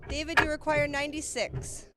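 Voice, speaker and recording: Brief: female score caller, high voice with big swoops, noisy venue feed. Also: expressive, loud music behind the voice. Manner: announces scores in a drawn-out sing-song. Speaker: darts referee caller. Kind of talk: calling scores.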